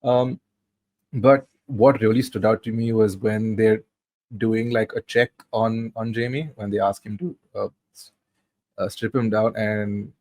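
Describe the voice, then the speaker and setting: A man's voice: on the low side, steady tone, measured pace, darkish tone, dry recording. A man in his thirties co-hosting a film podcast, retelling scenes in casual chat with many restarts. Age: 30s. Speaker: podcast co-host.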